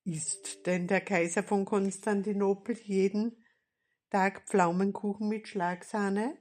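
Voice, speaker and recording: Woman reading a shy puppet sidekick boy, hesitant and slow, her voice a touch husky. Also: mid-range voice, fairly even intonation, a little mellow. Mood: puzzled. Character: timid good-natured puppet sidekick boy.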